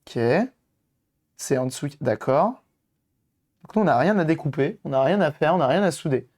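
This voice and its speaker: A hoarse man on a live stream, chatting casually with viewers and thinking aloud as he tinkers with electronics. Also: a little high, expressive, moderate pace, darkish tone. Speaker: streamer doing electronics modding. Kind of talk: casual live-stream chat while working.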